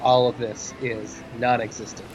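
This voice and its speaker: A man with a mid-range voice talks casually as co-host of a fan show. The live stream sound is dull and lo-fi, with clear noise behind him. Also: mid-range voice, flat delivery, moderate pace. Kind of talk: casual chat.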